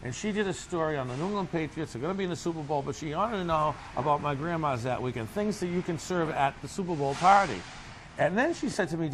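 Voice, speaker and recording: A man's voice: fairly high pitch, slight background noise, poor audio. A man with a Boston accent telling stories in an interview as a small business owner, in a joking, salesman-like way. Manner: jokey, salesman-like. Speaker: coffee cake company owner. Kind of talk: animated interview storytelling.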